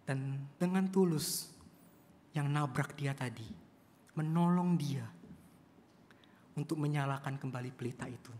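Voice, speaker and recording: A man's voice: mid-range voice, a little slow, long pauses, a little mellow, a little hiss or hum. A male preacher telling a story in a church sermon, often addressing the congregation. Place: church service. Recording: long church hall reverb.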